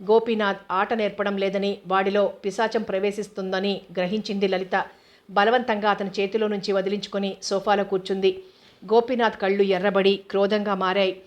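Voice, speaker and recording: A woman audiobook narrator reads a novel aloud in a medium-pitched voice, steady and even in pace and manner. The recording sounds dull and lo-fi.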